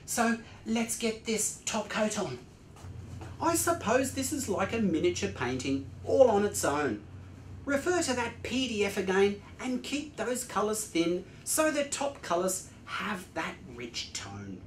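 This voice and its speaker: Lively male painting instructor, roomy studio. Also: high voice, a little hiss or hum. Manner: lively, explanatory, enthusiastic about technique. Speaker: art instructor. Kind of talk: painting tutorial narration. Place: indoor art studio with easel.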